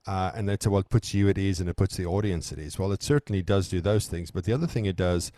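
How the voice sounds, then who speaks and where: A man's voice: low-pitched, fast talker, dark tone, no room sound. A man born in South Africa, co-hosting a parenting discussion and talking things through thoughtfully with frequent restarts. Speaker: podcast co-host. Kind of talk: conversational discussion.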